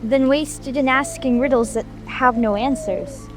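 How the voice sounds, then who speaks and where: Storybook little girl adult female actor: high voice, inquisitive, well-mannered, puzzled, light music bed. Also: moderate pace, natural voice. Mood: puzzled, polite. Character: curious, polite little girl, puzzled and thoughtful. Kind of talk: full-cast dramatic audiobook reading.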